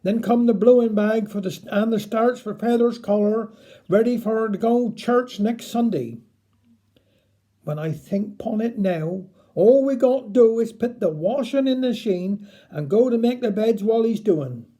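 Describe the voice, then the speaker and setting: High-voiced Cornish storyteller, a man with West Country accent. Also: normal speed, mellow. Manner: chatty, folksy, broad rural dialect with tag questions. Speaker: dialect storyteller. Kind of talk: telling a homely comic dialect story in first person.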